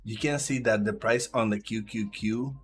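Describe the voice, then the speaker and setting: Puerto rican guy, spanish first language, talks trades live, lots of restarts, low-ish voice, soft music behind. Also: steady tone. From Puerto Rico. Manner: halting, restarts often, reads the chart aloud. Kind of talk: live trading commentary.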